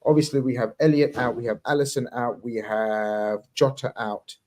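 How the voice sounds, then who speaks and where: A man's voice: medium pitch, steady tone, moderate pace, a little mellow. A man hosting a casual chat, talking in a rambling way with slang and many restarts. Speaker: podcast host.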